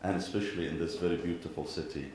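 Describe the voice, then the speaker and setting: Addressing a gathering in a big indoor hall, an Iraqi-accented imam from Iraq and Kuwait speaks in a low, slightly mellow voice. His formal speech is measured, with pauses, parallel repeated sentences, and frequent throat clearing. Heavy echo and faint noise fill the recording.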